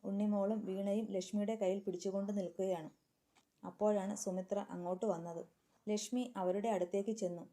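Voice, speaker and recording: A woman's voice: mid-range voice, fairly even intonation, brisk, mellow. A woman reading a family story aloud as a storyteller, doing the characters' lines in her own voice. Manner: reads all characters in her own voice, slightly raised for dialogue. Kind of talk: scripted story narration.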